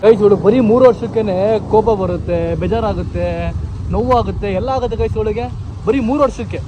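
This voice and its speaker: A man's voice: high-pitched, fast, noisy background. A man chatting playfully to his viewers in a casual family vlog at home. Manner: playful, teasing, talks to camera viewers. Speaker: vlogger.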